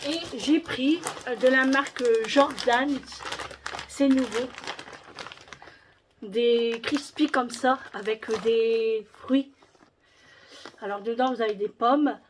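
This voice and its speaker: A chatty woman vlogger talks through her shopping haul at an unhurried pace, stopping often to hesitate and repeat herself. Her voice sits a little high for a woman. A faint hiss runs under the recording. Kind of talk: casual shopping haul chat.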